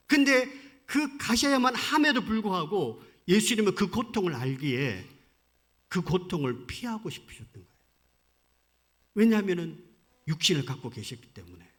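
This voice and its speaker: Animated, high-voiced Korean missionary preaching. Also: male voice, moderate pace. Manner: earnest, rhetorical questions to the congregation, acts out complaining prayers. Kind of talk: sermon. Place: church.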